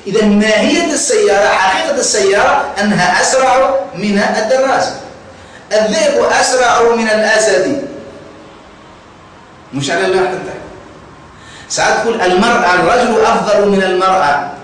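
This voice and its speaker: High-voiced Tunisian teacher in an echoey classroom. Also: male voice, brisk, pauses often, fairly bright tone, a little hiss or hum. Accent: Tunisian Arabic. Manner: keeps asking the class if they follow. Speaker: Arabic grammar teacher. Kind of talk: classroom lesson. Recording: echoey classroom, mic far off.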